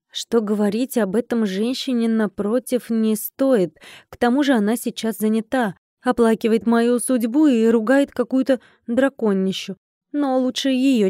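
Woman narrator, young adult, first-person audiobook, wry conversational read, mellow tone, dry close sound. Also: fairly high pitch, dry recording. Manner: wry, conversational inner monologue.

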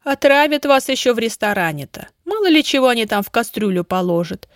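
A nosy old countrywoman fusses and scolds in plain village speech, her voice pitched up and pushed louder, as a woman reader puts her on. She grumbles at everything new. The recording is dry and close. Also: animated, brisk, dry recording, close to an everyday voice. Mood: fretting. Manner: rustic colloquial speech, fussing and scolding.

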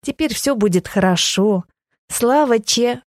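A sly, hunched old crone with a quavering, high, drawn-out voice, put on by a woman reading a storybook. She coos and laments, dripping with sugary endearments while hiding a fawning slyness. The sound is dry and close. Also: lively intonation, a little mellow, no room sound. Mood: cooing.

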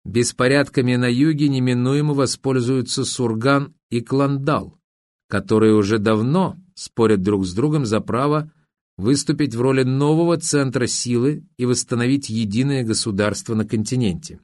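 A man reading an audiobook, voicing a retired male officer turned politician who lays out his case calmly and formally. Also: mid-range voice, no echo, clean studio sound, lightly acted. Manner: measured, formal speech-making.

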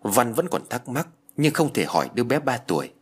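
Husky man telling a ghost story. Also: medium pitch, big pitch swings, a little fast.

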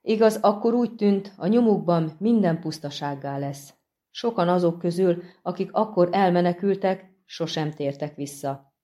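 A talkative country peasant, folksy and eager, speaking to his master with homely warmth, as a woman reads him in an audiobook. The voice sits a little low for a woman, with a dark, mellow tone. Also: natural voice. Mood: earnest. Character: chatty grateful middle-aged peasant man. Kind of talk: audiobook reading.

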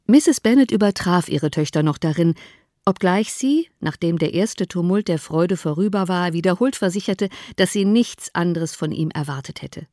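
A woman's voice: fairly low pitch, normal speed, no echo, studio quality. Composed woman narrating an audiobook. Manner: even, composed storytelling. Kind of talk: scripted narration of a classic novel.

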